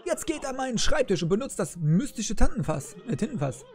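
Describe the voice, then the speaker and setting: A man's voice: very high-pitched, sing-song, brisk, a little mellow, soft background music, voice pushed up, exaggerated voice. A man reading the lines of a wise old grandfather kettle who earnestly advises two boys in a cartoon game.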